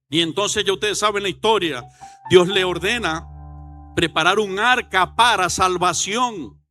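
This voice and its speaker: A middle-aged Venezuelan man preaching a sermon as pastor, telling stories with animated, acted-out quotes. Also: sits high. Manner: animated storytelling, acts out shouted quotes. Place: church.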